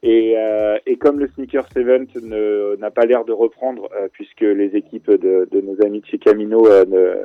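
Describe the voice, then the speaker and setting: Casual male radio guest, halting delivery, thin dry phone-line sound. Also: lowish voice, steady tone, no room sound. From France. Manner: hesitant, many fillers and restarts. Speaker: guest, event organizer. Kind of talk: radio talk show chat.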